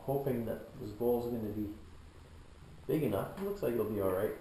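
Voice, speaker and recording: A man narrates casually from a woodturning workshop, his mid-pitched voice muffled as if covered by a face shield. The room is echoey and there is clear noise behind him. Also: normal speed, mellow. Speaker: woodturner presenting a shop video. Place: workshop at a lathe. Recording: muffled, roomy, noisy workshop without external mic.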